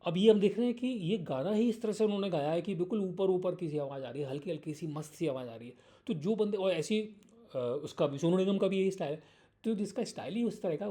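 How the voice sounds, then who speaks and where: Mellow-voiced man musing aloud. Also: a little high. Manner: thinking aloud, hesitant fillers, mixes English words. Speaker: video host. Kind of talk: casual explanatory monologue.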